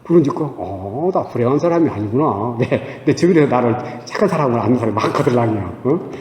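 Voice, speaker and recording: Man, 60s, religious brother giving a folksy church talk; mellow, echoey church hall. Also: mid-range voice, lively intonation, a little fast. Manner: chatty, keeps asking "eh?" and chuckling, acts out his own inner talk. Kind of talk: conversational church lecture.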